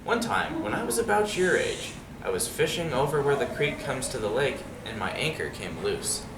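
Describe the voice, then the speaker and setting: Reading a children's story at a moderate pace, a man uses a very lively, swinging pitch and talks conversationally, adding asides and questions for the kids. The recording is roomy, from a distant microphone, with background noise clearly audible.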